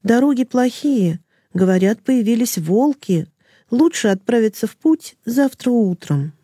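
A woman's voice: on the high side, expressive, a little slow, dark tone, slightly rough, no echo, studio quality. A woman reading a fretful village mother. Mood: pleading. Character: anxious peasant mother of the village, kindly and worried.

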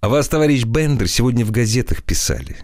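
A man's voice: mid-range voice, big pitch swings, fast talker, darkish tone, no echo, studio quality, pitched above the performer's own voice, lightly acted. A man doing a timid, fawning older man. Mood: anxious. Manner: timid and ingratiating.

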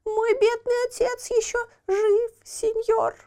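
A woman voicing a whiny, pitiful wooden puppet boy who wails his pleas in a high, shrill voice. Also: flat delivery, takes it slowly, warm tone, full character voice. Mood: wailing. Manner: wailing, sobbing pleas.

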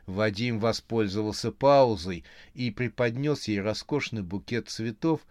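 A man narrating an audiobook in an even, measured storytelling manner. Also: fairly low pitch, dry recording, clean studio sound.

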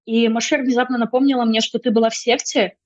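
A woman's voice: on the high side, level tone, fast talker, highs cut off. A young woman co-hosting a casual podcast, mispronouncing her r's and talking bluntly with plenty of swearing. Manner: blunt, swears freely, interrupts. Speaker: podcast co-host.

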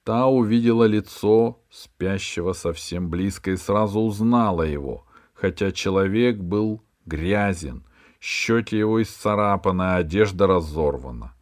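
A man narrating a children's adventure audiobook in an even storytelling manner. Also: sits low, measured pace. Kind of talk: scripted narration.

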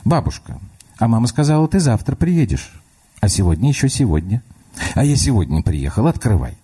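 A man's voice: medium pitch, sing-song, brisk, warm tone, slightly rough, voice pushed up. A man voicing a small, stubborn and suspicious girl in a comic radio story. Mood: wary. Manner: childish, wary, prim.

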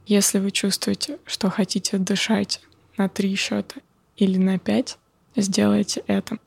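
A woman guiding a breathing meditation, calm, soft and measured, slowly counting breaths with pauses. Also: medium pitch, vocal fry, slightly rough, dry recording. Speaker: breathing exercise guide.

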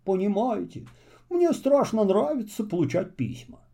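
A man doing a slow, polite little traveler. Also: high-pitched, sing-song, vocal fry, warm tone, pitched above the performer's own voice, exaggerated voice. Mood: polite, gentle. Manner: slow, courteous and hesitant. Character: polite lonely shy little male traveler. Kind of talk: children's storybook reading.

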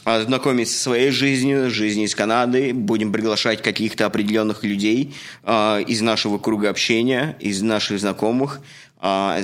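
A man's voice: lowish voice, a bit bright. A man in his thirties from Russia, co-hosting a casual podcast and talking earnestly with fillers. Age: 30s. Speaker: podcast co-host. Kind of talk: casual chat.

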